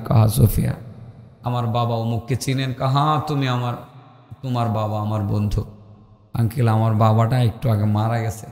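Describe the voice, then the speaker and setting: Chanting Bengali preacher in echoey hall. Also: male voice, medium pitch, a little mellow. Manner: shifts into a sung, chanting delivery at climaxes. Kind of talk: waz sermon storytelling. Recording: echoey hall with long reverb.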